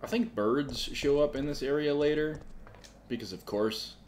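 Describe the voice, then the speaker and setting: A man's voice: a little high, normal speed, darkish tone, a little hiss or hum. A man streaming a video game live, joking with wry asides as he plays. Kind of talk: live gameplay commentary. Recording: streamer mic with game music behind.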